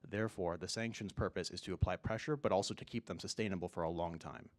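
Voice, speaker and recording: Deep-voiced young man answering formally. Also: fast talker, dry recording. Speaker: student competitor answering judges. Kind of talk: formal question-and-answer response.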